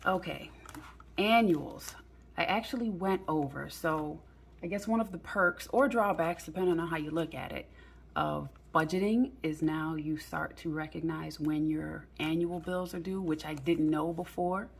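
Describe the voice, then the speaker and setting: A low-voiced woman talks casually and slowly, with a creaky, scratchy edge. She sounds a little hoarse and drained after surgery, halting as she goes through her budget, with some background noise. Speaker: budgeting vlogger. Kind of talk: casual chat while counting cash.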